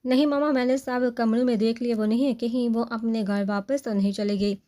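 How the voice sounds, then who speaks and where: A woman's voice: a little high, fairly even intonation, warm tone, lightly acted. A woman voicing a possessive, impatient young husband in a storybook reading, in a demanding tone. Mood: insistent. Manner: insistent, demanding.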